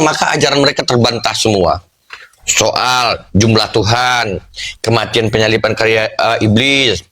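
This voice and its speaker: A man calmly explaining his view in a religious debate, addressing listeners. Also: medium pitch. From Indonesia. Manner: steady explaining, addresses audience.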